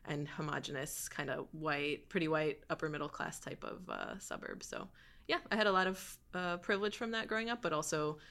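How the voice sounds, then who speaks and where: A young woman from Michigan, USA, appears as a podcast guest in a casual interview chat. Her voice is low and brisk, and she's relaxed, laughing often and using plenty of fillers.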